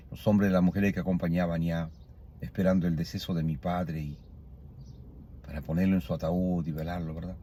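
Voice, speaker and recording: A man preaching a sermon, telling a personal testimony in an emotional, soft and intimate way. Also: low-pitched, slight background noise.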